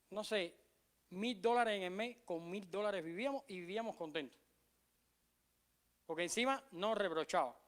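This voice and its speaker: High-voiced Cuban pastor preaching. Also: male voice. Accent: Cuban Spanish. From Cuba. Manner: emphatic preaching, drops to soft low asides, repeats key phrases. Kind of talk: sermon.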